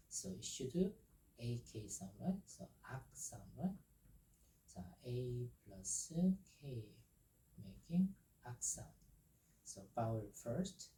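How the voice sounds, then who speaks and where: Man teaching a lesson, very dark mellow voice, keeps going "ja... right?", echoey room, sits back from the mic. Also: mid-range voice, distant mic. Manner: keeps saying "ja" and checking with "right?". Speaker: language teacher. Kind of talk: explaining step by step to viewers. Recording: roomy sound from away from the mic.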